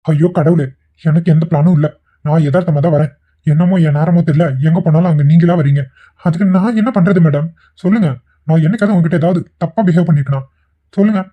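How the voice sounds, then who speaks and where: A man voicing a fast, earnest, pleading young man. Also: fairly high pitch, warm tone, natural voice. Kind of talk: cartoon voice acting. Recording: tinny phone-like recording.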